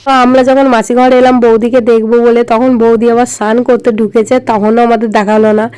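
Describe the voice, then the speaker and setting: A young woman from India with a hoarse voice from a cold, chatting casually to viewers in a vlog voice-over as she explains what is happening. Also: fairly high pitch, flat delivery, fairly quick, a little mellow. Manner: chatty, explaining family wedding customs to viewers. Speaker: vlogger.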